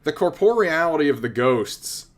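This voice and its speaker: A man's voice: fairly high pitch, big pitch swings, moderate pace. A man in his late thirties co-hosting a podcast, chatting casually with dry, sarcastic teasing. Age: late 30s. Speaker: podcast co-host. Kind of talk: casual chat.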